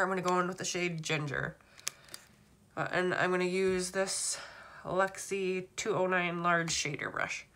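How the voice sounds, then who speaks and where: A woman's voice: mid-range voice, fairly bright tone. A woman in her thirties with a stuffy nose from a cold, chatting casually through a makeup tutorial. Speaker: beauty vlogger. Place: small room at home.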